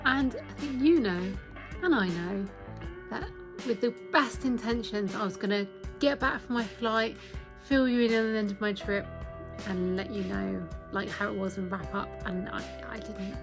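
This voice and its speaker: A woman talks to her vlog audience in an informal, confiding ramble. Her voice is mid-pitched with a noticeable creak at the edges. Music plays behind her speech. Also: moderate pace. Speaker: travel vlogger. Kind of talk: casual chatty vlog to camera.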